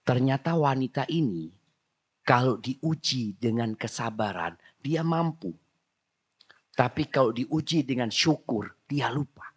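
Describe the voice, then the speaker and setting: A man with an Indonesian accent preaching in a mosque, answering questions with a lively delivery that swings from soft asides to loud, emphatic bursts. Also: medium pitch, unhurried, slightly rough. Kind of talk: Islamic study sermon.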